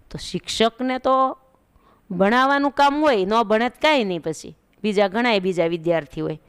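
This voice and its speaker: A woman telling a devotional story as a sermon, animated and acting out the characters' cries. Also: mid-range voice, clear, resonant tone. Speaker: religious storyteller.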